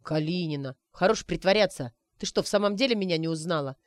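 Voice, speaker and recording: A man's voice: high voice, quick pace, no echo, clean studio sound, lightly acted. A woman voicing a cocky young man who teases a friend by pretending to be a wizard, in a playful, mock-mystical way. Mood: teasing.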